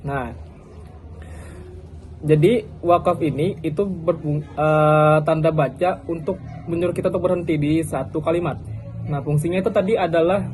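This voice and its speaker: A man's voice: a little high, normal speed, music in the background, rough recording. A young man giving a casual student class presentation, chatty, with frequent fillers and restarts.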